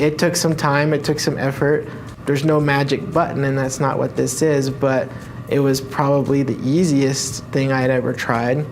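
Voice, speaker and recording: A man giving a steady, earnest testimonial about his experience. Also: mid-range voice. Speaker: customer testimonial. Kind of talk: calm testimonial.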